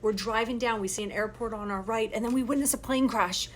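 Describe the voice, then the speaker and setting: A young woman vlogger telling a story in a casual voiceover, animated and exasperated, now and then swearing. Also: on the high side, quick pace.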